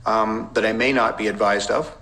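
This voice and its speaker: This man speaks at a fairly low pitch with a sharp tone and fairly even intonation. He is a police intelligence officer giving careful, precise formal testimony under cross-examination, measured in manner and careful in wording, with references to the law.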